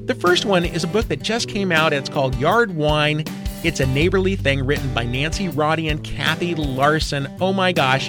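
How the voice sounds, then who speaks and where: A man hosting a wine show, reviewing books and interviewing a guest in an upbeat, joking, teasing way. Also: on the high side.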